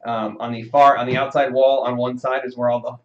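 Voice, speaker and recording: A man's voice: mid-range voice, flat delivery, a little fast. A man narrating as game master, rambling with lots of fillers. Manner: rambling, full of fillers and hedges. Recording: dull lo-fi sound.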